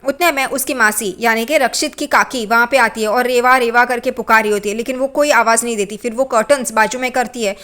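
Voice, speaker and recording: A woman narrating a recap of a television serial in a plain, steady manner. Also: fairly high pitch, brisk, few pauses. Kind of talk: storytelling recap.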